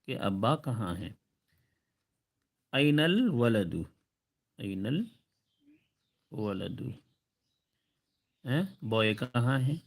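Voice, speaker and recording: In a recorded online lesson, a man with a medium-pitched, animated voice patiently teaches Arabic. He draws out example phrases slowly and keeps asking "ٹھیک ہے؟" to check in.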